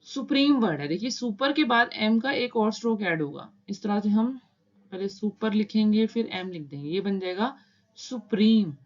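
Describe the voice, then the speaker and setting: A woman's voice: medium pitch, lively intonation, normal speed, muffled recording. A woman teaching a shorthand lesson step by step, patiently repeating each point and mixing English terms into Hindi as she explains while writing.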